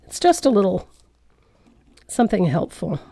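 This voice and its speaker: With a sing-song lilt, a Canadian woman teaches painting at normal speed, her medium-pitched voice warm, slightly rough and touched by vocal fry. A cold leaves her congested, and she meanders chattily, laughing at herself often, with no echo around her.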